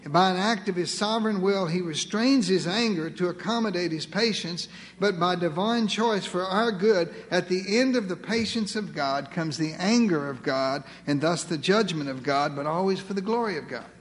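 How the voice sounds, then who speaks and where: A high-pitched male preacher delivering a sermon with dramatic, humorous flair, acting out the voices in the story. His voice rings with the long reverb of a large church hall. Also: moderate pace, a little hiss or hum. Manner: dramatic, acts out voices of God and Moses with humor.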